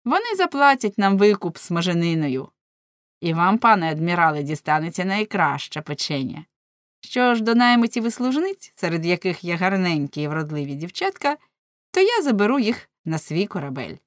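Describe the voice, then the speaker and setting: A woman voicing a bold, merry male rebel sea captain in an audiobook, speaking in a rousing, declamatory way, higher and louder than her narration. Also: very animated, normal speed, no echo, studio quality.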